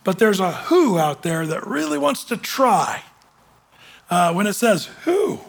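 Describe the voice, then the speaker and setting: A man preaching a sermon as pastor, earnest, asking rhetorical questions and reading scripture slowly. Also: high voice, big pitch swings, gravelly.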